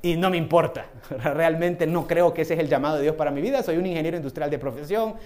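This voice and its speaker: A man giving a sermon as a lay preacher, tagging his phrases with a questioning "right?" and swinging between soft asides and loud emphatic bursts. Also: a little high, fast. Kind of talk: sermon with personal testimony.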